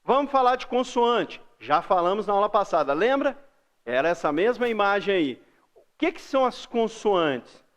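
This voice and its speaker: Brazilian male teacher, fairly high voice, patient lesson delivery that stretches out example words. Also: sing-song. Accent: Brazilian Portuguese. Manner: patient, drawn-out example words, frequent "ó" and "beleza?". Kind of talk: recorded school lesson for kids.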